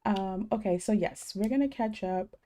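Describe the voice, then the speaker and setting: A woman's voice: medium pitch, moderate pace, warm tone. A young adult woman streaming a game and chatting casually with her viewers, rambling with many ums and greetings.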